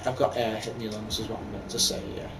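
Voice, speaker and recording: A young man playing a co-op game with a friend, answering quickly in casual chat and now and then shouting a curse. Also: lowish voice, flat delivery, background noise. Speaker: gamer.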